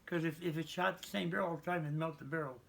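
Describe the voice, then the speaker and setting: A man's voice: a little high, steady tone, fast talker, vocal fry, a bit bright. An American man in his seventies, a veteran remembering his service in rambling, folksy conversation with stammered repeats. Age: 70s. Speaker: interviewed Navy veteran. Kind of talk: conversational reminiscence.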